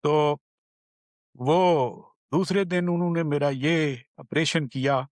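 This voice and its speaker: A man from Pakistan, earnestly telling the story of his survival in an unhurried way. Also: on the high side, no echo, studio quality. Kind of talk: personal storytelling.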